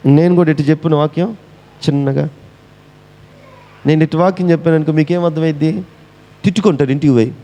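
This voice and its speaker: Male preacher, high pitch, questioning and scolding the congregation, echoey hall. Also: fairly quick, pauses often, mellow. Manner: scolding, mocking. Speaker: pastor. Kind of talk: sermon.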